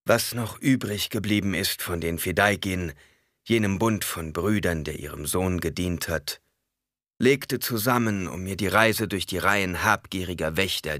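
An old, weathered desert leader with a solemn, formal way of speaking, voiced by a man. The voice stays low and close to the reader's own, recorded dry and close. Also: sharp tone, no echo. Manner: grave, formal, measured.

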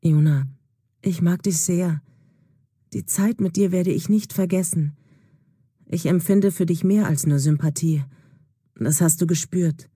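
A caring young man from a storybook who speaks steadily and reassuringly, slow and firm as read by a woman narrator. The voice is mellow and a little husky, recorded dry and close. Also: fairly low pitch, dry recording. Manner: firm and soothing, louder than the narration.

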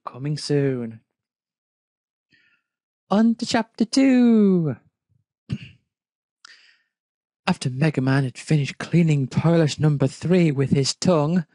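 Animated yet slow, with long pauses, a mellow mid-range voice reads a piece of fan fiction, and no room sound is audible. The reader breaks away to mock and question the writing, improvising amused asides between lines.

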